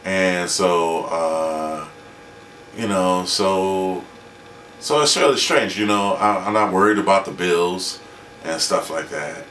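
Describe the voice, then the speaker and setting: A man in his late forties talking through a personal video diary from his kitchen, halting and reflective with many restarts. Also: sits low, fairly even intonation, fairly bright tone, reverberant, recorded from a distance, a little hiss or hum. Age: 40s. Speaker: independent filmmaker and vlogger.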